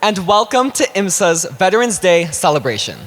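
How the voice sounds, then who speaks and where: A man's voice: high voice, very animated, moderate pace. A man giving a formal welcome speech as the host of a ceremony. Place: school assembly hall. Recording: reverberant hall with crowd noise.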